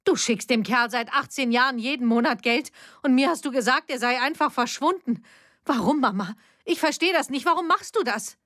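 A woman's voice: fairly high pitch, normal speed, husky, pitched above the performer's own voice. A woman voicing a furious grown daughter. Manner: angry, reproachful questioning.

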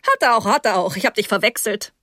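A woman voicing a brisk, sporty middle-aged wife who talks crisply and in a hurry, raising her voice above her usual one. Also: medium pitch, expressive, sharp tone, dry recording, clean studio sound. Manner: crisp, hurried, briskly chatty.

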